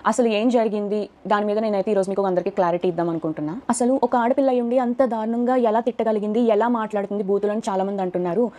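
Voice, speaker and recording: A woman's voice: mid-range voice, rapid-fire, mellow. A young woman giving an earnest, defensive explanation to camera. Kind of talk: statement to camera.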